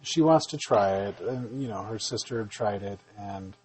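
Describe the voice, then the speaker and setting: Husky guy hosting a podcast w his wife, easygoing, lots of um and like. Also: lowish voice, moderate pace, rough recording. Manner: relaxed, rambling, many fillers. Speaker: podcast host. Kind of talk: casual chat.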